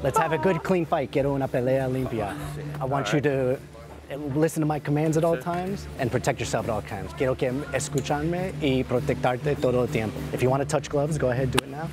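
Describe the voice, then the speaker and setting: A man giving brisk fight instructions as a referee in a cage. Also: mid-range voice. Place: indoor arena fight cage. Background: music.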